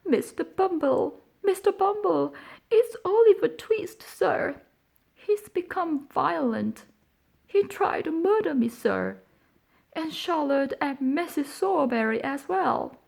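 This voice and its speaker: A woman reading an audiobook, voicing a bullying older boy who taunts and then cries out in high, shrill panic. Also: lively intonation, slow pace, creaky, darkish tone, full character voice. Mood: panicked.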